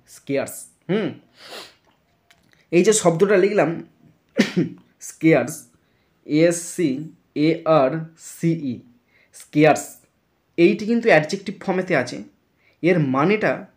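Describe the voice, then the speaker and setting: A man teaching an English grammar lesson, explaining step by step, spelling words out letter by letter and checking if students follow. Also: fairly high pitch. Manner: checks understanding with repeated questions.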